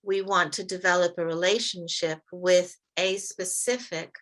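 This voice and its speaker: Workshop leader, woman, light American accent, clear bright tone, deliberate pacing with slowed emphasis, heard over a video call. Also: on the low side, fairly even intonation. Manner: measured, stresses words slowly. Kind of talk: interactive workshop teaching.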